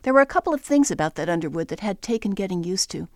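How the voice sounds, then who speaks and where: Older lady poet reading her poems, soft and measured, very dry close sound. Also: mid-range voice, animated, dry recording. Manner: gentle, measured, storytelling. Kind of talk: reading personal essay and poems.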